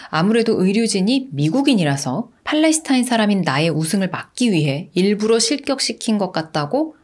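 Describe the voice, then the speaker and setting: A woman telling a true-crime story with a lively, rising-and-falling pitch and a chatty manner. She keeps turning to the listeners with rhetorical questions as she narrates.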